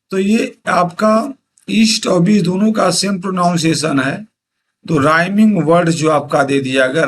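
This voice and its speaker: A man teaching a poetry lesson, asking questions and answering them himself, reading English lines slowly and then explaining them. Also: fairly high pitch, fairly bright tone. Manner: slow, patient, asks and answers his own questions.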